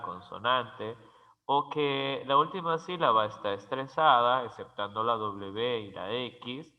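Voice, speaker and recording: Male teacher, slow careful grammar lesson, spells out letters, muffled lo-fi sound, long reverb. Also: mid-range voice. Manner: spells out letters and repeats example words slowly. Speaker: English teacher.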